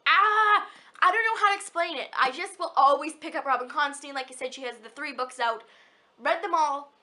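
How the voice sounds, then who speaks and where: Young woman, book vlogger, high pitch, bright tone, hyper, gushing, rambling. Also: brisk. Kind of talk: casual chat.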